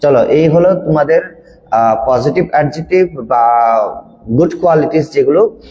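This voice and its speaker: A man's voice: a little high, normal speed, mellow, in a large hall, muffled recording. A man teaching an online English grammar class, explaining the meaning of each word patiently and then drilling pronunciation with a student over a video call.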